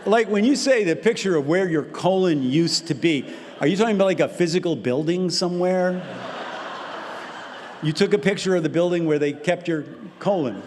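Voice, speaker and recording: An older man telling a comic story and answering audience questions, rambling and self-interrupting with wry deadpan asides. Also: sits high, normal speed. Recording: hall reverb, faint background noise.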